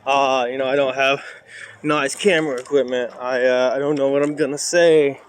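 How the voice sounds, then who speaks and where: A man walks an outdoor trail with a heavy sandbag and films a casual vlog on a cheap handheld phone, chatting and rambling with frequent "uh"s. The parkour coach's mid-range voice keeps fairly even intonation and a moderate pace, with a little hiss or hum behind it.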